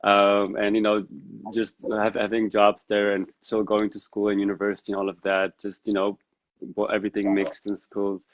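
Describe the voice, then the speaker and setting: A podcast guest from the Netherlands, whose first language is Dari, talks in a casual interview with a flat, lowish voice at normal speed. He is reflective and earnest, working through his thoughts aloud. There's no room sound, and the lo-fi recording sounds dull.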